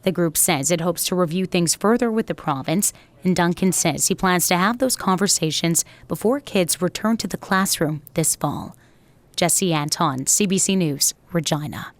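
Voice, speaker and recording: A woman's voice: fairly low pitch, normal speed. A woman narrating a scripted television news report.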